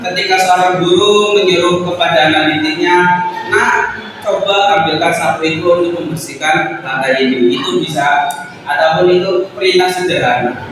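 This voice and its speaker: Young man presenting, echoey and far off. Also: high voice. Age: young adult. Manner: loose, rambling explanation with spoken examples. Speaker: student presenter. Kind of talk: classroom presentation. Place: classroom. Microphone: far camera. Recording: echoey classroom, far from the mic, background noise.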